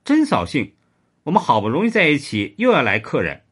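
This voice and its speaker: Guy doing a sulky clingy young woman, whiny and high, pitch swinging all over. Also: huge pitch swings, normal speed, a bit bright, exaggerated voice. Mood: sulky, pouting. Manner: whiny, pouting, raised pitch.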